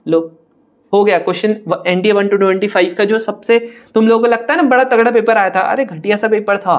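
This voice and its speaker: The highs are cut off in this recording of a young male maths teacher with a high, bright voice giving an online exam-prep lesson. He solves problems step by step, chatting briskly with students directly and dismissing tough-looking questions with a mocking, teasing laugh.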